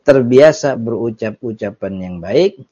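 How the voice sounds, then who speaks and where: A man's voice: medium pitch, lively intonation, measured pace, dark tone. A man giving a casual Islamic study lecture, explaining Arabic text phrase by phrase in a chatty way with small laughs. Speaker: Islamic religious teacher. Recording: dull lo-fi audio recording.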